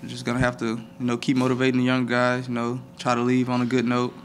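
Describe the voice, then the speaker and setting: Seated at a table microphone in the press room, a young college footballer gives postgame answers. His tone is flat and measured at medium pitch, sprinkled with "I mean," and a faint hiss or hum sits under the audio.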